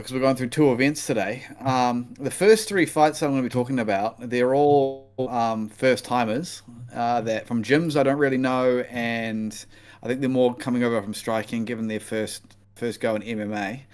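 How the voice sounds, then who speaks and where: A man with a broad New Zealand accent chatting casually as a podcast co-host previewing fights, laid-back and slangy. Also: medium pitch.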